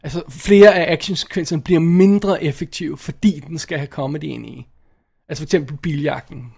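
A man giving blunt, animated opinions in a casual podcast chat, swearing now and then and often restarting his sentences. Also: fairly high pitch, creaky, breathy edge. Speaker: podcast co-host reviewing films.

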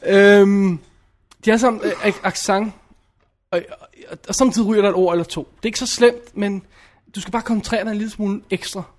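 A man's voice: high voice, steady tone. A man reviewing a film in casual chat, blunt and opinionated, often restarting his sentences.

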